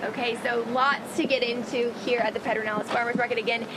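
A woman's voice: fairly high pitch, steady tone, fast talker. A young woman reporting live from an outdoor farmers market, upbeat and chatty as she interviews vendors. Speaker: field reporter. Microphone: handheld mic. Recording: loud outdoor background noise.

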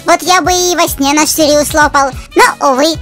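A small cartoon dog played by a performer with a high voice. The corgi is greedy and sure of itself, with music underneath. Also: steady tone, normal speed, fairly bright tone.

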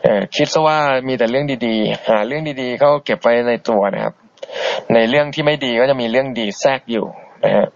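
A man's voice: fairly quick, vocal fry, no room sound. A man hosting an internet radio show, chatting politely and easygoingly as he reads out and answers listener messages. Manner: easygoing and polite, chatty, soft-spoken asides. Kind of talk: casual radio chat reading listener messages. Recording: dull, boxy low-bitrate internet radio stream.

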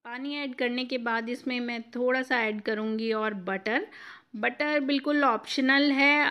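Female cooking host, fairly high and crisp, instructive recipe voice-over. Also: pushed and bright. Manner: clear step-by-step instructive.

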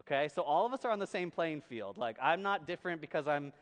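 A man preaches in a church sanctuary, his slightly higher voice carrying a long hall reverb. He talks to the congregation in a relaxed, conversational way, reading scripture and often checking in with questions. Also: fast. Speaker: pastor.

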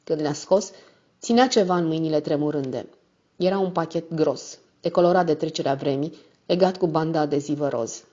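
A woman reading a novel aloud as a steady, measured first-person narrator. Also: low-pitched. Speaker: audiobook narrator. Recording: slightly muffled recording.

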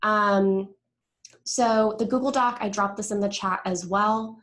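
A woman who presents in developer marketing hosts an online community meetup over a video call from indoors, keeping things informal and upbeat. Her mid-range voice is fairly bright, her intonation fairly even, and her pace unhurried.

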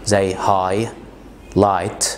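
Lively Egyptian man teaching pronunciation. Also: deep voice, slight background noise. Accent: Egyptian Arabic. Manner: lively, drills words by repeating them slowly; friendly, talks straight to the viewer. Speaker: English teacher. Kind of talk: pronunciation lesson.

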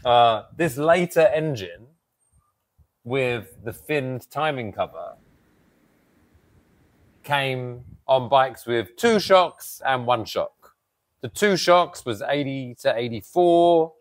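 An animated man in his thirties walks through a custom bike's parts in casual show-and-tell. He speaks outdoors beside a garage door, picked up on a clip-on mic. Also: medium pitch, slow pace, pauses often. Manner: animated, explains with hand gestures. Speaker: custom motorcycle builder. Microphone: lapel mic.

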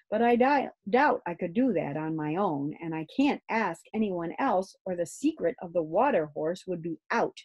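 Storybook role: woman playing a steady older man, low and gravelly, careful and worried.

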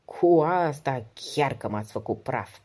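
Hoarse loyal sidekick, read by a woman. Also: low voice, very animated, dark tone, full character voice. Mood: gruff. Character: loyal rough male sidekick, gruff.

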